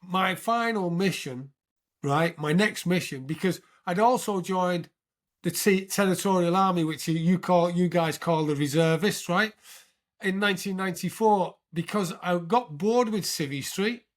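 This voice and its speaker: British man in his sixties, high-pitched voice, animated interview storyteller, keeps asking "right?". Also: measured pace. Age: 60s. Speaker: podcast guest, military veteran.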